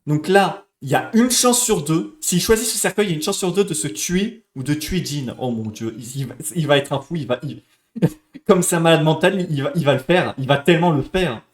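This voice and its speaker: Panicky, cursing gamer guy with a high-ish voice, roomy sound. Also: brisk. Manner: excitable, panicky outbursts and cursing. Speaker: gaming streamer. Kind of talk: let's play reactions.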